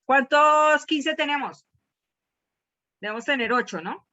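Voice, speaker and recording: A woman's voice: sits high, slow, pushed and bright. A woman teaching a math class, questioning her students and repeating key words. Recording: dull lo-fi class recording.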